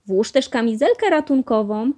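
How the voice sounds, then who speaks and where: A woman reading a storybook aloud, voicing a patient, caring mother mouse who coaxes her child gently. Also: fairly high pitch, sing-song, normal speed, pitched above the performer's own voice. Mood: coaxing. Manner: gently coaxing.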